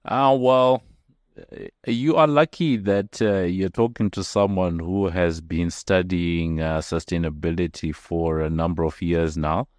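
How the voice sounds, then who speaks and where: A man's voice: low-pitched, steady tone, measured pace, a little mellow, no room sound, clean studio sound. A man hosting a business interview podcast, talking with many fillers and restarts. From South Africa. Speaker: podcast host.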